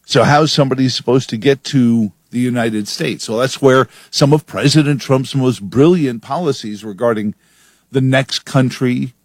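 A man's voice: medium pitch, normal speed, dry recording, studio quality. Opinionated male talk radio host. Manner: opinionated, emphatic, sardonic.

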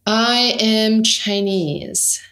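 A woman's voice: on the high side, drawn-out words, fairly bright tone. A woman in her thirties, raised in the UK, speaking as a podcast guest in a dry, joking, matter-of-fact way. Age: 30s. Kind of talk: casual interview chat. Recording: echoey room.

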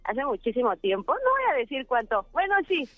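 A Mexican woman calling in to a radio show, telling a story in a chatty, animated way. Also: high voice, a little fast, no echo. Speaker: caller. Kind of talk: phone-in storytelling. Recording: tinny phone line with music behind.

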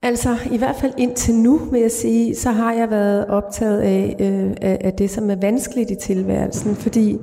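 Calm woman author reading in a church. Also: mid-range voice, vocal fry, hardly any pauses. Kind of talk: literary reading and interview answers. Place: large church. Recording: reverberant church hall.

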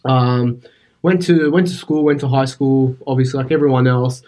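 A man's voice: mid-range voice, normal speed. Easygoing young man. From Iraq, raised in western Sydney. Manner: relaxed, easygoing, some restarts. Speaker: guest bodybuilder and engineer. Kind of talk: casual interview. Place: office.

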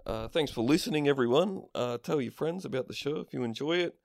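A man's voice: mid-range voice, expressive, fairly quick, creaky, a little mellow, no echo. An Australian man co-hosting a comedy podcast in casual chat, with matey, sweary banter.

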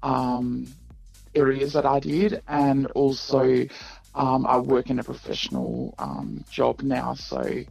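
Woman with an electronically disguised deep voice. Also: lively intonation, gravelly, a little mellow, slightly rough, faint music behind, low-quality recording. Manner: hesitant, many ums and pauses. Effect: disguised voice, electronically lowered to sound deep. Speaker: anonymous caller. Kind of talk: radio call-in chat.

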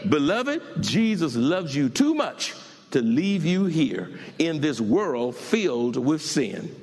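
Male preacher, sermon delivery, animated pitch, unhurried, long hall reverb. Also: slightly rough. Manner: builds to shouting and chanting.

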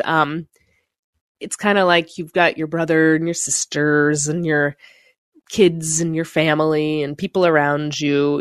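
Middle-aged woman doing a solo motivational podcast, lower voice, heartfelt and reflective, dry close mic. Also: no echo. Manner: heartfelt, reflective, with fillers and soft laughs. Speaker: podcast host. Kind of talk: casual motivational monologue.

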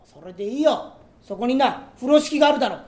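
A man performing comic storytelling, voicing a gruff, bossy male thief chief who scolds in rough street talk. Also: very high voice, animated, brisk, a little mellow, pitched below the performer's own voice. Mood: scolding. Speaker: rakugo storyteller.

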